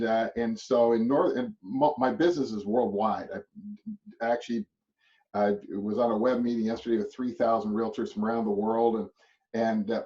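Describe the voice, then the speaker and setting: Heard through a distant, muffled mic, a middle-aged Canadian man with a mellow, medium-pitched voice gives a motivational presentation to real estate agents. He rambles and chuckles, often tacking "right?" onto his sentences.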